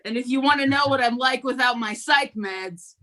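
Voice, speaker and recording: This stand-up comedian, pitched on the high side, tells one-liners at a virtual open mic heard through a video call. She keeps a slow, deadpan pace and giggles in the gaps between jokes.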